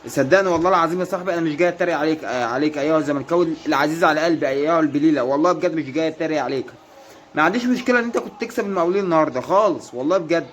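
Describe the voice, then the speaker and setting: Rapid-fire Egyptian man, mock-earnest teasing. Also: a little high. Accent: Egyptian Arabic. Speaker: football fan vlogger. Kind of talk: casual teasing monologue.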